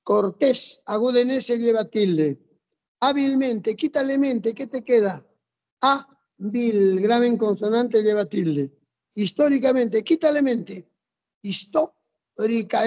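A classroom teacher with a warm, mellow tone who talks at a slow, deliberate pace. The teacher lays out each rule in order and keeps asking the students for answers. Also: mid-range voice. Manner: methodical, drills rules step by step and quizzes students. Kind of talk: classroom lesson.

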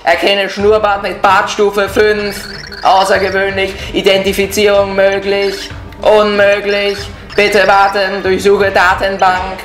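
A stern security robot, put on by a let's player reading the game's text aloud, speaks in slow, clipped, mechanical announcements. The voice sits in an echoey room, with faint game music playing underneath. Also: mid-range voice, monotone, fairly bright tone.

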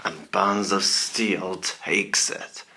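A man's voice: deep voice, fairly even intonation, extremely slow, background noise. A man commentating a toy car race in a put-on scary Halloween voice, calling out bursts at each start.

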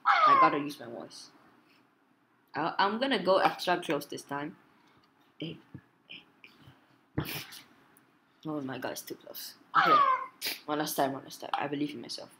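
A woman playing a voice-controlled game, yelling and shrieking at it, then talking in a frustrated way, recorded indoors at a table. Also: low-pitched, huge pitch swings, a little slow, pauses often, heavy background noise. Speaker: gaming YouTuber. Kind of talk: gaming commentary.

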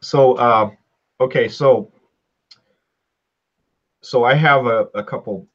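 A man hosting a casual chat about cars, talking in an easygoing, halting way. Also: medium pitch, fairly bright tone, dull audio. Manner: easygoing, halting, many fillers. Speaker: host.

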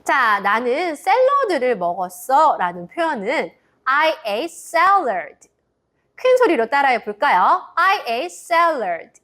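A woman teaching children English, modelling phrases slowly in a sing-song way. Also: high-pitched, very animated, fairly bright tone.

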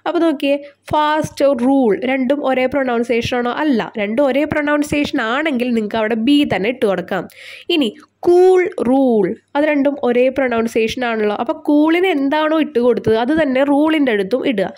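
Woman teacher, slightly high voice, patient step-by-step explainer. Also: fairly quick, a little mellow. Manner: explains step by step, asks and answers questions. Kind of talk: tutorial lesson.

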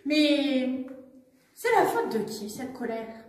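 A woman storyteller telling a children's story with animated exclamations. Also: sits high, takes it slowly. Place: museum. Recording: echoey room from far off.

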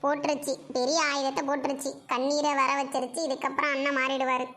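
A woman's voice: sits high, flat delivery, quick pace, a bit bright. A woman playing the bride's blunt, argumentative mother in a comedy skit.

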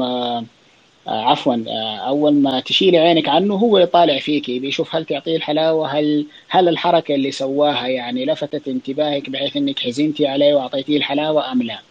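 A man with a Saudi accent, a child psychiatrist, answering listener questions in a relaxed spoken Q&A, explaining with fillers and quick restarts. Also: mid-range voice, slightly rough, lo-fi sound. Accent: Saudi Arabic. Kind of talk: casual spoken Q&A on an online audio space.

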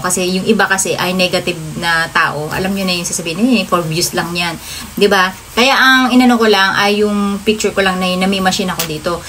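A woman's voice: medium pitch, a bit bright, poor audio. Lady vlogging, just chatting to her viewers, keeps saying guys, bit of faint noise. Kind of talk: casual storytelling vlog.

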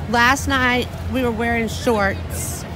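A woman with a slightly high voice talks slowly and chattily while she films a night street party on her phone. She laughs and quizzes passers-by about their costumes. Loud music and a dense crowd roar behind her in the open street. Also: steady tone. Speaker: vlog host filming a street crowd. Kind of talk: casual street vlog chat.

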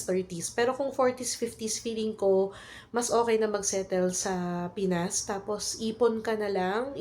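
A woman's voice: fairly high pitch, darkish tone, a little hiss or hum. A woman in her thirties with a Filipino accent, telling a casual story in a vlog in chatty Taglish with lots of fillers, while she has a cold and a cough. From Philippines. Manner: chatty Taglish with many fillers and tag questions. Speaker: vlogger.

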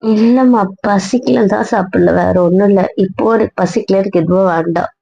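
A woman's voice: medium pitch, fairly even intonation, normal speed, vocal fry, mellow, breathy edge. A young woman in casual couple banter, sulky, pleading and stubborn. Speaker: wife in a couple vlog skit. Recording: dull, dry lo-fi audio.

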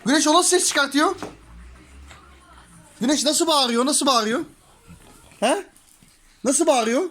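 A woman filming her small daughter, talking in a playful, repetitive, gently scolding way. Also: high voice, expressive, unhurried. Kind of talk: playful coaxing talk to a small child.

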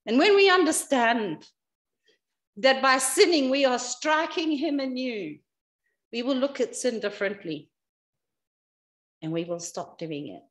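A woman with a high voice tells a story to the children during a church service. She tells it expressively, dropping soft and then rising loud. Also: expressive, a little slow, pauses often.

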